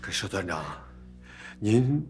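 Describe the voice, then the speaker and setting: A man's voice: lowish voice, very animated, slow, soft background music. Period TV drama: a deferential, fretful father in his fifties. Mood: pleading. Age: 50s. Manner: nervous, deferential, stammering. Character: anxious wealthy father bargaining for daughter.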